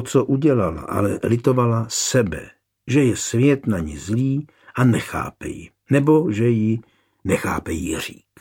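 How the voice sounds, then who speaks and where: A man reading a historical novel aloud as the narrator, in calm, even storytelling. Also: mid-range voice, husky. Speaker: audiobook narrator. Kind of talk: scripted narration.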